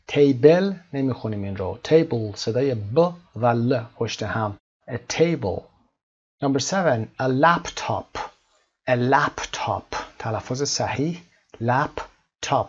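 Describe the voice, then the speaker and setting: A man teaching an English lesson from a textbook, explaining quickly and slowing right down to model each word. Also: mid-range voice, breathy edge. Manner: switches between fast explanation and slow, drawn-out model words. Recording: dull lo-fi recording.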